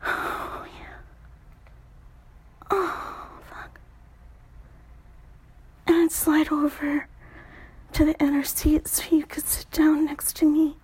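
A young woman tells an intimate story in a soft, breathy whisper. Her voice sits high, and she takes her time, letting sighs fill the pauses between slow, unhurried phrases. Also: monotone.

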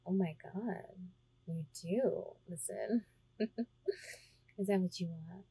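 A woman performing an intimate ASMR roleplay close to the mic, breathy and teasing, slipping between soft talk and whispers. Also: fairly low pitch, takes it slowly, no room sound, poor audio.

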